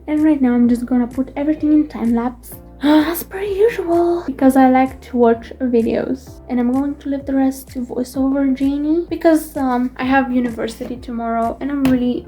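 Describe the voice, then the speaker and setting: A woman in her twenties chats casually for her vlog in a high, mellow voice. She's chatty and rambling and pokes fun at herself.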